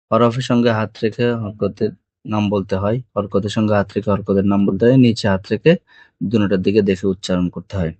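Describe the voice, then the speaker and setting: A man's voice: lowish voice, darkish tone, no echo. A man teaching a beginners' Quran reading lesson, drilling the letters patiently one by one and asking the class questions. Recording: dull lo-fi dry recording.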